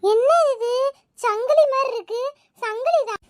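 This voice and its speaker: A woman's voice: extremely high pitch, measured pace, a little mellow. Woman voicing a nagging old village grandmother. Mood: alarmed. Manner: scolding, grumbling. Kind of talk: cartoon voice acting.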